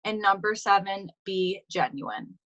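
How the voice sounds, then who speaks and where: A woman's voice: medium pitch, animated, a little slow, a bit bright, muffled recording. A woman coach giving motivational tips on a team call, upbeat and informal, with many "like" fillers.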